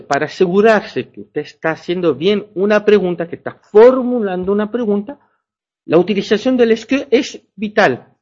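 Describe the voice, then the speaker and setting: Man teaching in a lo-fi recording. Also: high voice. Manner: explanatory, checks understanding with "ya". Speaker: French teacher. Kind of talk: classroom lecture. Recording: dull lo-fi sound.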